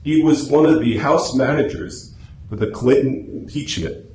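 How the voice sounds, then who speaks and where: In an echoey meeting room with faint background noise, a man who presents at a club and writes radio scripts chats to a small audience, telling anecdotes in an informal talk. His mid-range voice is mellow and moves at a normal speed.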